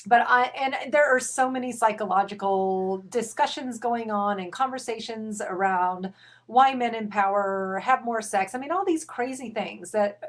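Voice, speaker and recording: A woman's voice: fairly high pitch, normal speed. A middle-aged woman parent coach giving an impassioned, emphatic video rant, a bit out of breath, with some restarts.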